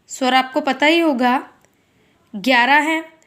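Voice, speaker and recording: A woman's voice: high-pitched, a little slow, fairly bright tone. A woman teaching a school grammar lesson, patiently asking questions and answering them herself. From India.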